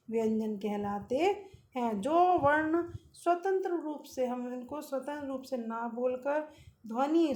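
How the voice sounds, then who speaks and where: Woman teacher, high voice, patient repeating delivery, faint hiss behind. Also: darkish tone. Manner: slow, explanatory, repeats each point. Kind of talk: classroom lesson for children.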